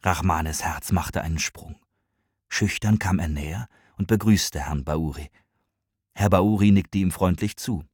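A man reading a story aloud as narrator, in a calm, even storytelling manner. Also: deep voice, unhurried, husky, no echo, studio quality. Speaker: audiobook narrator. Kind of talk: scripted narration.

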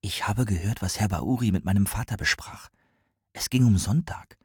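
Man doing shy curious boy, hushed, secretive, soft husky tone, dry close sound. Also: lowish voice, moderate pace, no echo. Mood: eager.

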